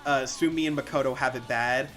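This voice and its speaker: A woman's voice: very deep voice, fairly even intonation, a bit bright, faint music behind. Woman leading a casual debate. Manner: brisk, moves things along.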